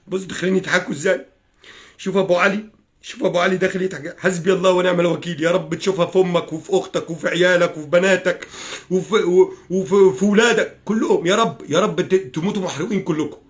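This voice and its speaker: A young Egyptian man ranting on a live stream, furious, cursing and pleading with his viewers. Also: sits high. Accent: Egyptian Arabic. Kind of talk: angry political livestream rant.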